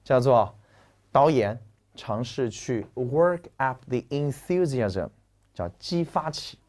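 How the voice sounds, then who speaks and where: Joking, lively man teaching vocabulary. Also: medium pitch, slow pace. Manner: lively, joking, slangy explaining. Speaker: English teacher. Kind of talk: classroom vocabulary lecture.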